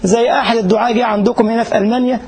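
A sheikh with an Egyptian accent leads a casual religious class for an audience in Germany, bantering, joking and constantly asking whether people follow him. He talks very fast in a very high, steady voice, a little mellow with a breathy edge, and the recording is low-quality.

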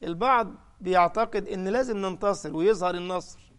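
A man's voice: sits high, a little fast, a bit bright. A man with an Egyptian Arabic accent preaching a sermon, telling the story dramatically and putting sudden force on key phrases. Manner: dramatic storytelling, raising the voice for quoted cries.

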